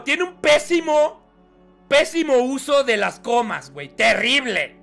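A man's voice: extremely high pitch, creaky, pushed and bright. A man with a Mexican accent reading chat on a live stream and mocking it with profanity and laughter. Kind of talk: casual live-stream commentary.

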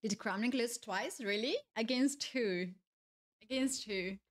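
In a small streaming room at home, a young woman with a Georgian accent plays chess and chats casually with her stream viewers. Her voice sits on the high side and her pace is measured as she muses aloud, full of fillers and restarts.

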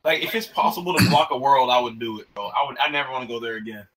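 A man's voice: mid-range voice, quick pace, a bit bright, poor audio. A young man chatting over a game in emphatic slang, often repeating himself. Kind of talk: casual gaming chat.

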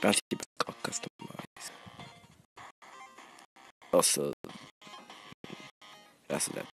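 A gaming video host giving casual, excitable gameplay commentary in stop-start phrases, recorded indoors on a phone. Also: drawn-out words, soft background music. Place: indoors, basement.

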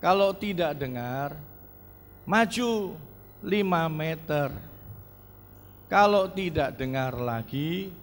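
A man playing a calm doctor giving advice, in a church hall with long reverb. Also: on the high side, slow, pauses often. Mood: advising.

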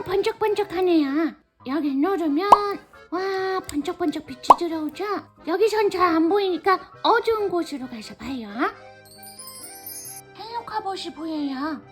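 A woman hosting a children's toy show, addressing kids in an exaggerated sing-song way. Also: very high-pitched. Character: cute childlike cartoon-cat host persona for kids. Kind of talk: kids' toy show presentation, bright exclamations. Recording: music behind the voice. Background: music.

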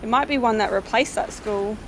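A woman's voice: a little high, brisk. Young woman vlogging in a cemetery at night. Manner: chatty, reading out names from headstones. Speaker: paranormal vlogger host. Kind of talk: casual night exploration vlog. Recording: noisy outdoor night recording.

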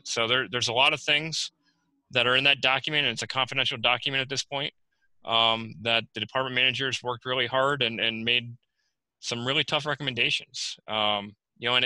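A man, the borough manager, reporting at a virtual council meeting, halting with many fillers and restarts. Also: medium pitch, bright, forceful tone, dry recording, poor audio. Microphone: video call.

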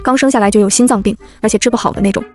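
A woman narrating a web novel in a brisk, fast first-person telling, over background music. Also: a little high, steady tone.

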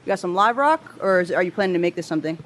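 Inside an aquarium shop's room full of tanks, a woman gives a vlog tour with slangy, excited exclamations and easygoing chatter, speaking close to a handheld camera mic. Her lowish, somewhat bright voice is expressive and very fast, with a little hiss or hum present.

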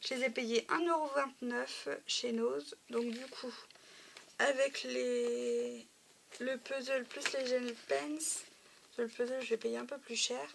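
Chatting through a casual show-and-tell of craft supplies in her home craft room, a woman speaks slowly in a steady, fairly high, gravelly voice. She often fills pauses with "euh" and "voilà," and the noisy recording picks up packets crinkling behind her.

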